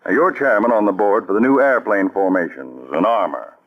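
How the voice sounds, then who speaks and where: Heard on a dull old radio recording, a man with a fairly low, slightly rough voice talks a little fast. He is acting the part of a firm male spy chief who commands counterspies in a 1940s drama.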